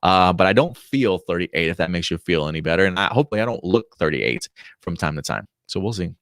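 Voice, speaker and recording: A man in his late thirties chats casually on a livestream, full of fillers and quick restarts. His voice sits on the lower side. The sound is close and dry, with no room echo. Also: lively intonation, a bit bright. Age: 30s. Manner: chatty, reads out viewer comments. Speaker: podcast co-host.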